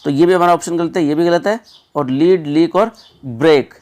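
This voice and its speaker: With a slightly high, somewhat mellow voice at a moderate pace, this exam prep tutor explains each answer one step at a time. Repetition runs through his teaching, and he checks on his audience over and over with "theek hai" and "doston."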